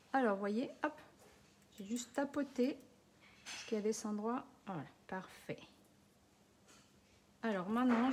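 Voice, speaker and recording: A woman's voice: mid-range voice, a little mellow, slight background noise. A woman with a non-native French accent hosting a live craft tutorial, chatting with her viewers as she shows each step. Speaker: craft demonstrator.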